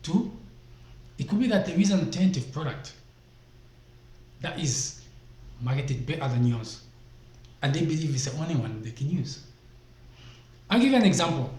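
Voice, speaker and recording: In an echoey room with faint noise behind him, a man from Zambia gives business tips as a vlogger, talking to camera into a desk microphone. His voice sits high and sounds darkish and sing-song, moving at a moderate pace with long pauses. The motivational talk is casual yet emphatic, and he keeps asking rhetorical questions.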